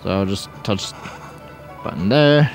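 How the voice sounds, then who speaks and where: Slow, rambling Let's Play host. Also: male voice, fairly low pitch, lively intonation, soft background music. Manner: rambling, jokey, many fillers. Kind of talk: casual gameplay commentary.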